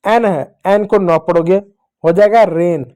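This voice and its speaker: A man with a high, dark-toned voice speaks a little slowly as he walks children through English phonics. He keeps asking the class questions and patiently answering them.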